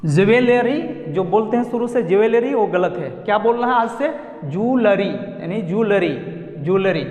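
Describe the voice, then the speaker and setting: A man's voice: sits high, normal speed, darkish tone, roomy sound, in a large hall, dull audio. A man with a Bihari Hindi accent teaching English pronunciation, spelling words out letter by letter. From India. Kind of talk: spoken lesson.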